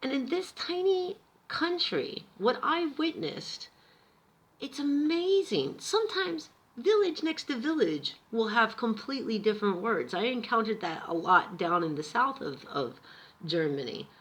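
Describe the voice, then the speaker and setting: Speaking at a measured pace in a fairly high voice, this vlogger from Pennsylvania, USA, recounts her experiences overseas straight to the camera. It's a casual storytelling monologue, emphatic and chatty, full of lively asides.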